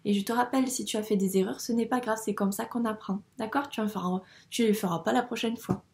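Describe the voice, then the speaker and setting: A woman teaching young children a dictation, patiently spelling out sounds and syllables clearly for a child. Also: medium pitch, fairly even intonation, quick pace, darkish tone. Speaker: primary school teacher. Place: room with a whiteboard. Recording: echoey room.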